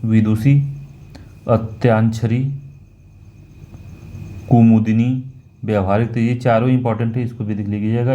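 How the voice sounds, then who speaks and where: Man exam tutor, low mellow voice, repeats words and corrects himself, dull lo-fi recording. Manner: slow and repetitive, correcting himself. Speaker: exam prep teacher. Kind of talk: talking through a Hindi test question by question.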